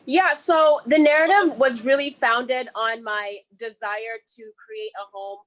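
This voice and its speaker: Higher-voiced woman on a panel. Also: a little slow, fairly bright tone, a little hiss or hum, rough recording. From Zimbabwe. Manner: casual, conversational, with fillers. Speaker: shop founder. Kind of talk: online panel talk. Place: inside her shop during a thunderstorm.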